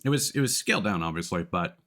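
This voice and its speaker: A man with a low, expressive, slightly bright voice speaks fast while streaming a game. He chuckles through casual, slangy remarks into a close mic.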